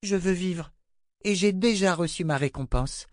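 A man reading an audiobook, voicing a frightened but brave young girl with a soft, careful manner. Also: high voice, a little slow, dry recording, clean studio sound, pitched above the performer's own voice. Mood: cold, firm. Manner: timid, then coldly firm.

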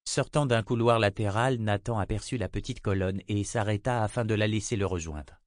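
Deep-voiced man reading an audiobook. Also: brisk, dry recording, studio quality. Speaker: audiobook reader. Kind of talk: scripted fantasy narration.

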